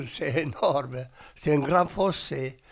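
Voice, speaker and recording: Man, gravelly voice, fairly high pitch, laughs often, offhand. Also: extremely slow. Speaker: interviewee. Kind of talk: casual chat.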